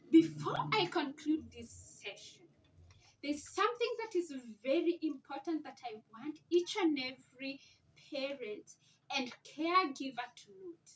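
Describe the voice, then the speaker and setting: At home, a parent and video host gives an informal reading lesson to camera, explaining early reading in an emphatic, repetitive, teacherly manner. Her voice is high, and the distant mic picks up faint background noise and clicks.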